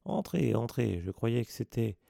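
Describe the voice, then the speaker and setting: A man voicing a big, gruff, kindly gamekeeper who speaks slowly and welcomingly. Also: mid-range voice, big pitch swings, warm tone, dry recording, clean studio sound, full character voice.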